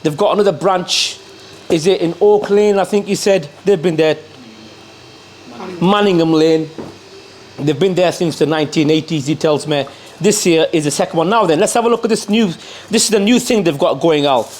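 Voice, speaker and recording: A man's voice: on the high side, moderate pace, a little mellow. A man giving a casual food review to camera, talking between bites and chatting to his cameraman. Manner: repeats catchphrases and addresses the cameraman. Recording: clear background noise.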